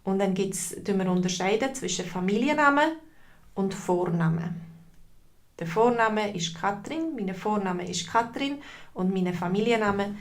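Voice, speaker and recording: A woman's voice: medium pitch, expressive, a little slow. A woman with a Swiss German accent teaching a live online lesson, patiently repeating phrases and greeting viewers in the chat. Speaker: language teacher.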